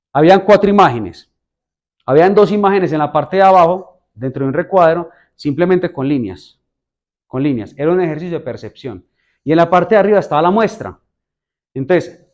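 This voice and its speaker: A man's voice: a little high, a little mellow. A man preaching a sermon in a conversational way, often asking the audience questions. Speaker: pastor.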